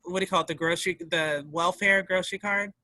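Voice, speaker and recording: Bright-voiced rambling woman podcaster. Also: lowish voice, steady tone, fast talker, no echo, rough recording. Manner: rambling, profane, joking. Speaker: podcast co-host. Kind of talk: casual chat.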